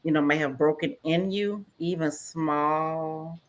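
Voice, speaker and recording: Gentle, reassuring woman with a lowish voice. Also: steady tone, slow. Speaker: podcast co-host. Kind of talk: supportive advice in casual chat.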